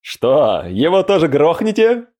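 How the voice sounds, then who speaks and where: A man's voice: on the high side, wildly swooping pitch, a little slow, darkish tone, voice pushed up, full character voice. A man voicing an eager young demon warrior. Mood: jovial. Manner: exclaiming, curious, delighted. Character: young male cavalry demon, eager and boastful.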